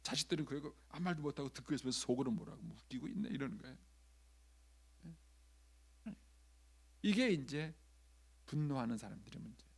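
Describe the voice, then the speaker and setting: A man's voice: medium pitch, lively intonation, fairly quick, vocal fry, pauses often, breathy edge. A man preaching a sermon in a church, talking conversationally and acting out quoted lines in changing voices. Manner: conversational preaching with frequent filler 'ye'. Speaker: pastor. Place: church sanctuary.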